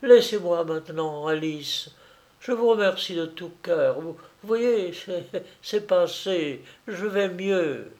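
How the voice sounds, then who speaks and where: A weak, ailing lady of the house murmurs in a faint, halting voice, as a male narrator puts her on. He lifts his pitch for her and keeps the delivery soft. An audiobook reading. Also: expressive, heavily acted. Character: frail sick lady of the house, gentle.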